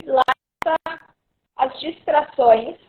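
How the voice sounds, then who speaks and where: A woman's voice: high voice, drawn-out words, phone-quality sound. A woman giving advice over a video call whose audio keeps cutting out and breaking up. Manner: conversational, explains with everyday examples. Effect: choppy, cutting-out online call audio. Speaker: co-host giving tips. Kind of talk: casual live-stream advice talk.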